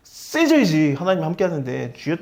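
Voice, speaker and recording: A man's voice: high-pitched, fairly quick. A middle-aged man leading an informal Bible study, acting out quoted lines and laughing often. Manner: animated, acts out quoted dialogue, laughs often.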